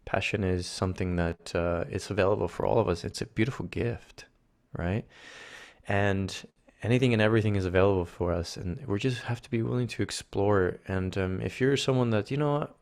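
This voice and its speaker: A man from Argentina, a spiritual mentor as guest, talking in a soft, earnest, gently encouraging way. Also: lowish voice, fairly quick. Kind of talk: reflective conversation.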